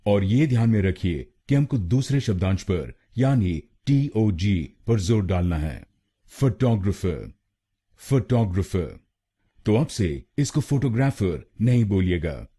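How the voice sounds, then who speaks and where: Slow, dark-voiced male pronunciation tutor. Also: fairly low pitch, sing-song, husky. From India. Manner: slow, syllable-by-syllable instruction. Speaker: pronunciation teacher.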